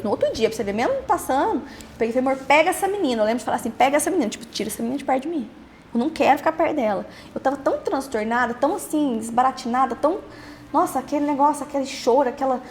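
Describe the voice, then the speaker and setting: Young woman, Brazilian accent, rapid speech, halting personal testimony, repeats words. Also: high voice, a little mellow, a little hiss or hum. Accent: Brazilian Portuguese. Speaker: podcast host interviewed as guest.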